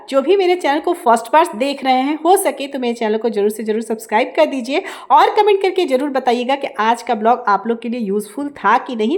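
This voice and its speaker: Loud high-voiced woman vlogger. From India. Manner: loud, emphatic, scolding-sounding delivery. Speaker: vlogger and housewife. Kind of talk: voice-over vlog narration. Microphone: no external mic for voice-over.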